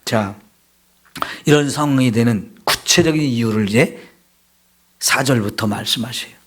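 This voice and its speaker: A man's voice: medium pitch, unhurried, husky. A middle-aged male pastor preaching an emphatic sermon in a church, acting out confessions in a raised voice.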